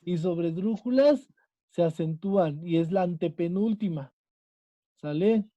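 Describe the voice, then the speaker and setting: A man's voice: high-pitched, a little slow, warm tone, no room sound, lo-fi sound. A man with a Mexican accent, teaching a Spanish class and quizzing his students, checking in with them again and again. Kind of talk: online class lesson.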